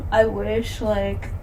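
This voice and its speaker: A woman's voice: a little mellow, a little hiss or hum. Laughing young woman telling a story. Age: 20s. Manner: laughing storyteller, drops her voice low, acts out quotes. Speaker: podcast co-host. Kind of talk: casual chat.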